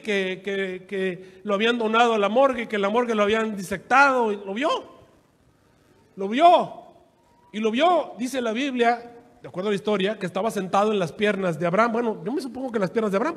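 A man preaches a sermon in a high voice, telling the story with animated, acted-out scenes and frequent restarts. His voice echoes through a large church hall. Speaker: pastor.

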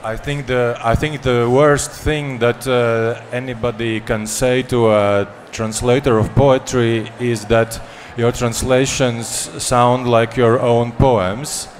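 A man speaks slowly and haltingly as he answers a panel question about his work as a poet and translator, pausing on fillers and keeping a dry humor. Faint noise hangs in the background. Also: medium pitch, steady tone. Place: panel session at a book fair.

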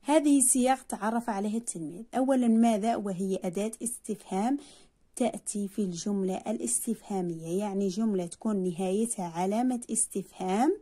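A woman's voice: medium pitch, fast talker, dark tone. A woman teacher, patiently explaining a primary school lesson and drawing out sounds to demonstrate them.

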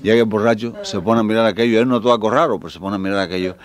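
A man's voice: lowish voice, fairly even intonation, very fast. A man telling jokes to a live audience, acting out each character's lines. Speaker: stand-up comedian.

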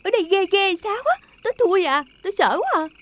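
A woman's voice: extremely high pitch, fast, slight background noise. A vain, whiny young village girl. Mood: frightened. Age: young adult. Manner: whiny, expressive. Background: music.

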